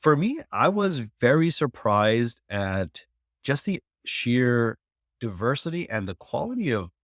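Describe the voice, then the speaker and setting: Appearing as an interview guest, a thirtysomething technology executive from New York, United States, recounts personal stories earnestly and thoughtfully. He speaks in a mid-range, sing-song voice at a measured pace, in clean studio sound without echo.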